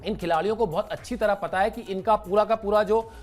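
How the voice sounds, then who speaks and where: A man analysing cricket on a talk show, speaking in a measured, reflective way and stressing words with deliberate pauses. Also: sits high, steady tone, soft background music. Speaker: cricket analyst and voice-over artist.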